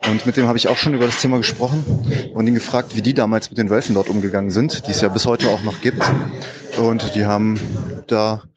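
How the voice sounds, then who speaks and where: A man who is a biology teacher talks casually in a loose, rambling way with many fillers, a bit frazzled. He speaks from the gym on a low quality sound recording. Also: fairly even intonation, brisk. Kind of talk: casual spoken comment, explaining science. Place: at a gym, doing sport. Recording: poor quality recording with loud crowd noise behind.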